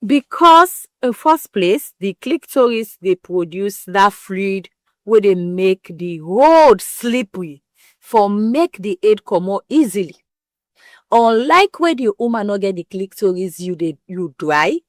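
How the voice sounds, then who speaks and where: In a studio-quality recording with no room sound, a woman with a West African Pidgin English accent speaks at medium pitch, very animated yet slow. As an interview guest on women's health, she explains things frankly and emphatically through everyday comparisons.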